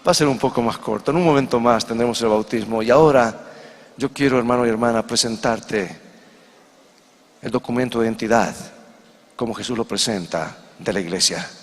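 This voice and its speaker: A man's voice: medium pitch, brisk, long reverb tail. A male pastor preaching a sermon, telling stories and putting rhetorical questions to the congregation. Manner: addresses the congregation directly, asks rhetorical questions. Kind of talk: sermon with storytelling.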